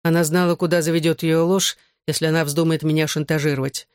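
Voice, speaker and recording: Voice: medium pitch, flat delivery, fast talker, clean tone, no room sound, studio quality. An audiobook narrator reading a first-person novel in a curt, cold, clipped way.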